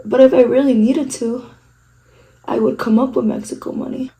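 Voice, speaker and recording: A woman's voice: on the high side, steady tone, moderate pace, warm tone, poor audio. A congested young woman filming a casual makeup vlog at home, rambling and joking about herself with casual swearing. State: congested, sniffling. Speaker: vlogger. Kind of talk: casual get-ready-with-me chat.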